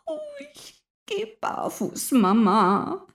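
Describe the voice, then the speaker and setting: A bitter young militant locked in a cell, acted by a woman delivers a theatrical stage monologue. The voice sits fairly high and moves slowly, dropping to hushed whispers and then breaking into shouted outbursts. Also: wildly swooping pitch, heavily acted. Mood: wistful.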